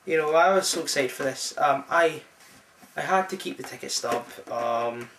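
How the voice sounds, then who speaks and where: A young Scottish man reviewing a film in casual chat, enthusiastic and rambling with lots of restarts, recorded in a friend's flat. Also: a little high, moderate pace, a little hiss or hum. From Scotland. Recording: roomy, mic at a distance.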